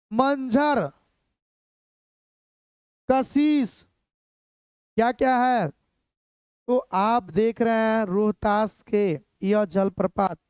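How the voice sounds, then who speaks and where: Slow, high-voiced woman teacher. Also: a little mellow, smooth, no room sound. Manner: drills terms by repeating them over and over. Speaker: exam coaching teacher. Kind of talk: slow repetitive exam-prep lesson with memory tricks.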